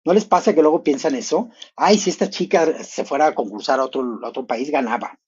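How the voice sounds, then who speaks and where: A man gives a playful, gossipy live commentary. He thinks out loud and breaks into sudden high exclamations. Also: brisk, breathy edge, lo-fi sound.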